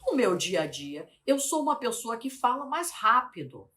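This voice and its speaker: A woman, a life mentor teaching to camera, speaking slowly and articulating carefully, often asking the viewer questions. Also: on the high side, big pitch swings, fairly bright tone. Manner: deliberate, slowed, carefully articulated delivery.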